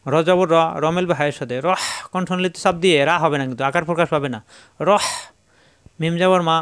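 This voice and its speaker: A man with a high, clean and resonant voice leads a slow reading lesson, sounding out each syllable and repeating it for learners. He is recorded close on the mic in a dry, quiet room with no echo. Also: clear, resonant tone. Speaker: Quran reading teacher. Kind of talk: step-by-step spelling lesson.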